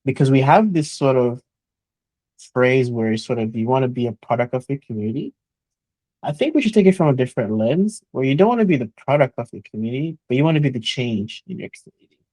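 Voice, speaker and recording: A man talks through his path into engineering in an earnest, motivational way. His voice sits at an ordinary middle pitch, and the recording is dry and close. He leans on "so" and "uh" as he thinks aloud. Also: animated, fast talker, a little mellow, no room sound, low-quality recording. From Jamaica. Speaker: guest, chemical engineer. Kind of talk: conversational interview.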